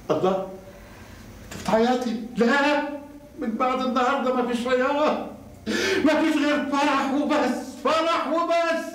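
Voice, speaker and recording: An actor with an Egyptian accent playing a proud, emotional elderly father in a vintage TV drama. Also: very high-pitched. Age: older. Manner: grumbling, then overjoyed and tearful. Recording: roomy, distant, faintly noisy old archive.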